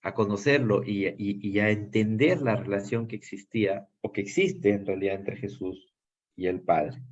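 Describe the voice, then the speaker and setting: A man's voice: fairly low pitch, steady tone, normal speed. A man with a Peruvian Spanish accent teaching a Bible class, earnest and full of fillers and restarts. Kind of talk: Bible study lesson. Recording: dull lo-fi sound.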